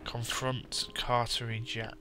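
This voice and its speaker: A man's voice: medium pitch, level tone, slow pace, noisy background. A British man giving casual gameplay commentary with dry, muttered asides. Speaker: gamer, let's play host. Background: game music.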